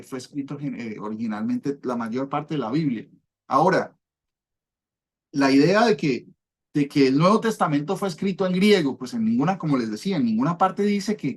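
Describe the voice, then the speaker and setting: A man preaching a sermon with fervor, checking in with his listeners through repeated rhetorical questions. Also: high-pitched.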